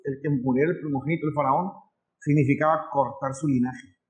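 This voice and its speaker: A man's voice: a little high, darkish tone. A man with a Mexican Spanish accent preaching a sermon as a pastor, earnest and conversational, voicing God and Moses in dialogue.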